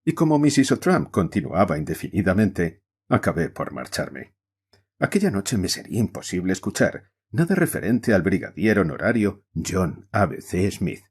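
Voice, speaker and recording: A man narrating an audiobook in an expressive storytelling manner. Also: sits low, normal speed, breathy edge.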